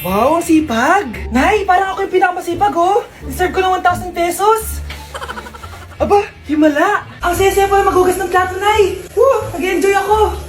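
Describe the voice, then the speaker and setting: A woman's voice: very high voice, fairly quick, soft background music. A woman performing comedy skits, playfully switching between character voices. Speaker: comedy skit creator. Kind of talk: comedy skit acting.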